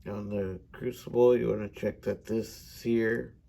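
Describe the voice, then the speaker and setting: An American man, a gunsmithing student, giving an unhurried instructional demonstration with frequent hesitations. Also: on the low side, little pitch movement, creaky, dark tone.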